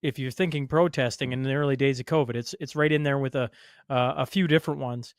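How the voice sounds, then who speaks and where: A Canadian man hosting a podcast, asking questions in a halting way full of fillers. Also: mid-range voice, steady tone, dry recording, clean studio sound. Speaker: podcast host. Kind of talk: conversational interview.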